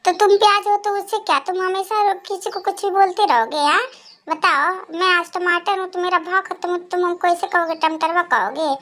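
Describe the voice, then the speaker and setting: A cartoon tomato with a piercingly high, very bright voice. He is proud and touchy, and keeps demanding respect as the fallen king of the vegetables. He argues indignantly. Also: steady tone, normal speed. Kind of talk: cartoon voice acting.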